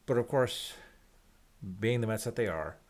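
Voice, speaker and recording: A man giving an unscripted, resigned sports rant to viewers, rambling and halting as he repeats his phrases. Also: medium pitch, animated, a little mellow. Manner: resigned, disappointed fan. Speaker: sports fan vlogger.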